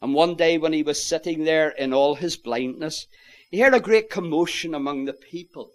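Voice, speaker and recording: A man preaching an evangelistic sermon, earnestly pleading with his listeners and rising to loud, impassioned calls. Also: on the high side, moderate pace. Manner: old-fashioned biblical phrasing.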